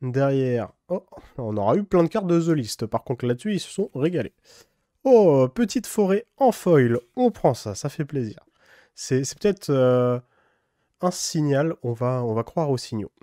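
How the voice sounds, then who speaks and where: In a casual card-pack opening, a male host talks slowly and relaxed, using many fillers and reading out card names slowly in a put-on English accent as part of his unboxing commentary. His pitch is medium, and the audio is studio quality with no echo.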